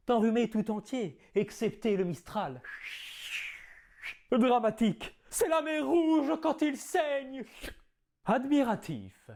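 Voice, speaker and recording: A man's voice: very high-pitched, darkish tone, pitched above the performer's own voice, heavily acted. A proud, witty swordsman-poet as a hammy stage actor would. The delivery is flamboyant verse declamation, full of theatrical pride and biting wit. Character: proud, witty male swordsman-poet declaiming about his huge nose.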